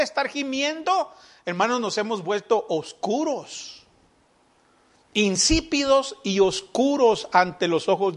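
A man preaching a sermon to his congregation, animated and full of repeated rhetorical questions. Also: sits high. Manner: animated, with mocking impressions of gloomy churchgoers.

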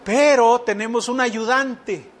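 A man's voice: very high-pitched, fairly even intonation, slow pace. A man preaching a sermon, asking the congregation rhetorical questions and mimicking whiny believers.

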